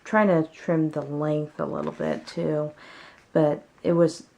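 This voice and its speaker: Woman, low pitch, gravelly fry, casual chatty vlog delivery, recorded at home. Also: flat delivery, slow, background noise. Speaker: tarot deck reviewer.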